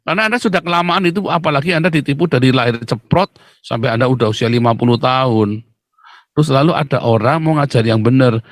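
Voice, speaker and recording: A man's voice: medium pitch, fast, no echo. A man from Indonesia speaking, hosting a live stream of blunt, mocking religious commentary, lecturing viewers.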